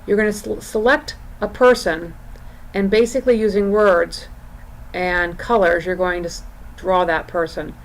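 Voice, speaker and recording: A woman college design instructor giving an informal recorded lesson and screen walk-through, explaining in a halting, drawn-out way. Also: mid-range voice, steady tone, low-quality recording. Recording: clear background room noise.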